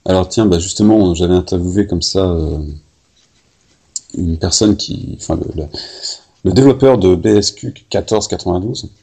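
A man with a Parisian French accent and a gravelly, husky voice, interviewing someone in a conversational way. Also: deep voice, moderate pace, mellow.

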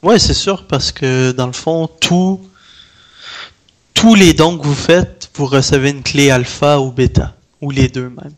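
A man's voice: on the high side, a little slow. A man with a Québécois French accent, talking casually as an interviewee about his own work. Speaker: interviewee, independent game developer. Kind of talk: casual conversation.

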